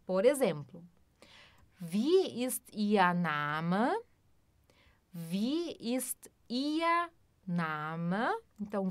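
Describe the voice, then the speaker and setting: A woman's voice: high voice, dry recording. Patient woman teaching German. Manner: slow, drawn-out model phrases with frequent "tá?" and "né?" checks. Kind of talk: online language lesson.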